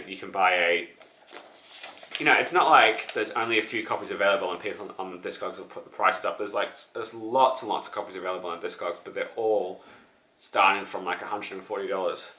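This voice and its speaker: Low-voiced man. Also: pushed and bright, reverberant, slight background noise. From New Zealand. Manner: rambling, many fillers and restarts. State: out of breath, still sick. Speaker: record collector vlogger. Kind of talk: casual show-and-tell chat.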